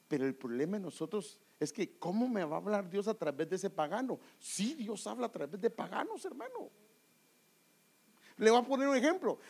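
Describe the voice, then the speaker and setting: A man's voice: high-pitched, darkish tone. A man preaching a sermon with emphatic rhetorical questions, often calling his listeners "brother".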